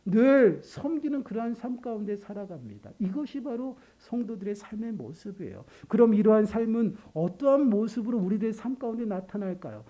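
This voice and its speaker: A pastor giving a Sunday morning sermon, earnest and emphatic, repeating key phrases and building to loud peaks. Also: mid-range voice.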